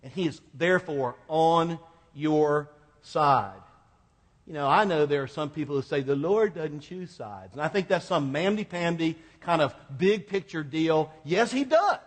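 A preacher delivers a sermon to his congregation in a colloquial, conversational style, repeating phrases for emphasis. His voice is on the high side with lively intonation and a measured pace. The echoing hall gives a long reverb.

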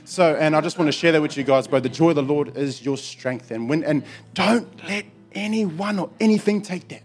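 Speaking at normal speed in a voice on the high side, this man with a broad New Zealand accent shares an informal church testimony. His talk is matey, slangy and colloquial, and "bro" comes up often.

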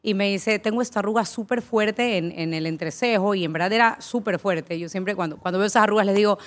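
A woman in her thirties telling stories from her work at a spa in a relaxed, chatty way. She acts out the voices of the people in her stories with lively energy. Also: medium pitch, fairly quick. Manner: animated storyteller who acts out quoted voices. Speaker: aesthetician at a spa. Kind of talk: casual chat, telling anecdotes.

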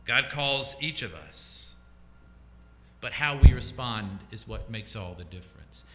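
A man preaching a sermon as pastor, slow and deliberate, letting his voice fall to a hush at the ends of phrases. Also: mid-range voice, animated, a little hiss or hum. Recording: echoey church hall.

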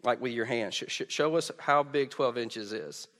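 Through a PA-connected pulpit or stage microphone, a man preaches conversationally and informally, frequently stammering at the start of what he says. His voice is medium-pitched and fairly bright at normal speed, heard in an echoey hall with long reverb.

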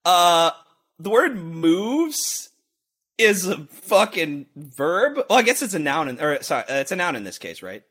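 A young man chatting casually on a podcast, rambling and excitable, swearing and breaking into shouted quotes. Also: on the high side, moderate pace, few pauses, breathy edge. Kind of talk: casual chat.

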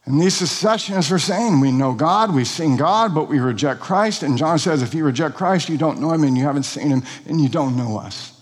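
A man's voice: fairly high pitch, lively intonation, a little fast, hardly any pauses, in a large hall. A pastor preaching an expository sermon, earnest and emphatic, asking rhetorical questions of his congregation.

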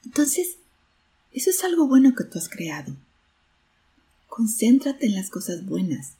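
A woman's voice: fairly high pitch, sing-song, unhurried, dark tone, slightly rough. A woman hosting a self-help podcast, talking in an earnest, encouraging way. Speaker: podcast host. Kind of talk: motivational self-help talk.

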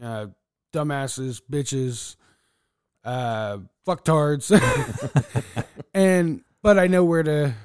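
A man's voice: fairly high pitch, very slow, darkish tone, clear, resonant tone, dry recording, clean studio sound. A man working as a corrections officer, a podcast guest telling blunt, profane stories in casual chat.

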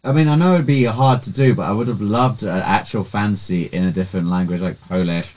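Low-voiced man thinking aloud on a podcast. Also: fast, muffled recording. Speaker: podcast co-host. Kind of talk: casual chat about games.

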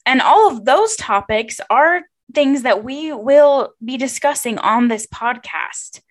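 A young woman speaks as the host of a personal podcast. Her voice sits a little high and her delivery is very unhurried. She is informal and chatty, confiding in the listener. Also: lively intonation.

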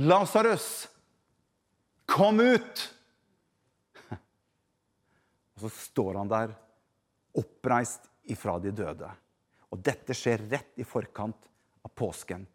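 A man preaching a sermon who addresses the congregation directly, swinging between loud emphasis and hushed passages. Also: mid-range voice.

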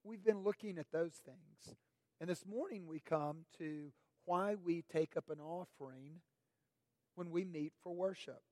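A middle-aged pastor, his voice raspy this morning, preaches a sermon in a measured, deliberate manner, rising in pitch on questions. His voice is a little high, and there is no room sound.

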